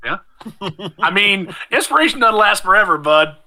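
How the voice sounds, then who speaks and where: A man's voice: high voice, big pitch swings, moderate pace, pushed and bright. A man acting as game master in casual tabletop banter and narration, with a wry, teasing way of talking. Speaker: game master and show host.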